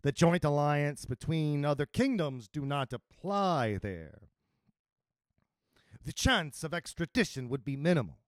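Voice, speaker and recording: A stoic, level-headed warrior of a storybook tale, told by a male narrator, formal and measured, with unhurried delivery. The sound is dry and close. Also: fairly high pitch, expressive, no echo. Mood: thoughtful.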